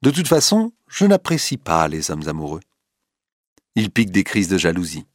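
A man voicing a calm, worldly woman who speaks tranquilly in a storybook reading. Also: low voice, normal speed, no room sound, studio quality. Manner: tranquil, matter-of-fact.

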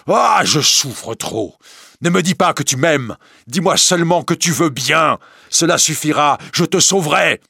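A man's voice: lowish voice, big pitch swings, unhurried, vocal fry, fairly bright tone, breathy edge, dry recording, studio quality, full character voice. A man reading a story aloud, voicing a tormented, obsessive male priest who pleads and threatens with passion. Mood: desperate threatening. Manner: passionate, pleading then menacing.

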